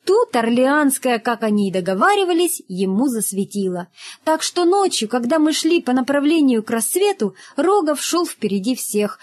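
A woman narrating a humorous children's story in a lively, playful storytelling manner. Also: high-pitched. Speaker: audiobook reader.

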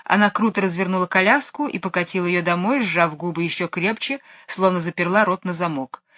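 Woman narrator, storybook reading, expressive. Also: fairly low pitch, fairly quick.

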